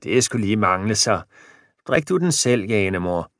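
A man's voice: on the low side, expressive, a bit bright, no echo, studio quality. A man voicing a gaunt, balding old husband who is hearty and good-natured, in an audiobook. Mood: cheery.

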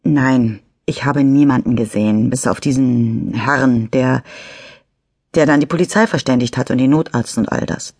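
A woman's voice: extremely low pitch, normal speed, a little mellow, slightly rough, no room sound, clean studio sound. A woman reading a nervous middle-aged man who has just hit someone with his car, stammering and turning defensive. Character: nervous middle-aged male driver after a crash. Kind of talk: audiobook character reading.

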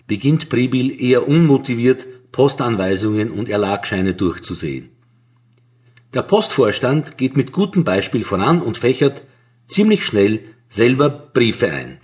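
A man reads a crime story aloud with a Viennese accent. His middle-pitched voice moves freely up and down in a wry, storytelling way. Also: animated, moderate pace. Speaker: audiobook narrator. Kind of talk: scripted narration.

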